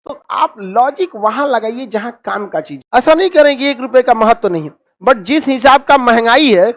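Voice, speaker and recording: A man's voice: extremely high pitch, expressive, moderate pace, a bit bright, dry recording. A man giving a classroom lecture as a teacher, blunt and scolding, full of rhetorical questions.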